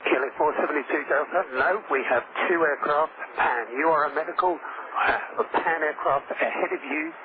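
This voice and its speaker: A man's voice: fairly high pitch, normal speed, hardly any pauses. Male air traffic controller on noisy radio. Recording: noisy, narrow-band aviation radio transmission.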